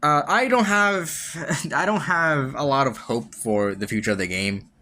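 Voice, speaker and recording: A man with a medium-pitched, bright, forceful voice reviews a game on his solo podcast, speaking a little slowly. His casual talk rambles with many restarts and offhand swearing, broken up by wry laughter between points.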